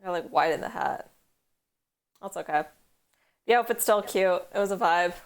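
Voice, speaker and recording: Speaking at a moderate pace in a lowish voice, this young woman from Canada's West Coast rambles through a casual stream chat. Her storytelling is loaded with "like," and the audio comes through headphones.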